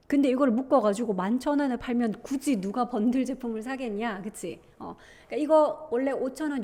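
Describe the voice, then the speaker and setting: A woman's voice: sits high, darkish tone. A young Korean woman teaching an English exam passage in a chatty lecture, often asking her students rhetorical questions.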